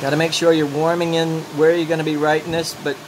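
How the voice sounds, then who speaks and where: A man with a somewhat high voice talks through a practical demonstration in a loose, rambling way. His speech sounds toothless, the consonants slightly soft and mushy. A loud, steady engine-like noise runs behind him. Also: quick pace. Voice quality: toothless, slightly mushy articulation without dentures. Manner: rambling, talks himself through each step. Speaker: glassworking instructor. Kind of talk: informal hands-on demonstration.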